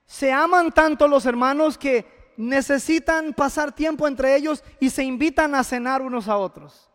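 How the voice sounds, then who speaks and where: A male pastor preaches in a conversational way, asking his listeners questions. His voice sits unusually high for a man. The church hall around him adds a long, trailing reverb. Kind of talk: sermon.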